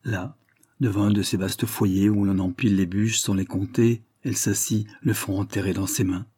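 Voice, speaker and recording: A man reading a classic novel aloud in a measured, literary narration. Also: on the low side, steady tone, dark tone, slightly rough, no echo, clean studio sound. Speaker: audiobook reader.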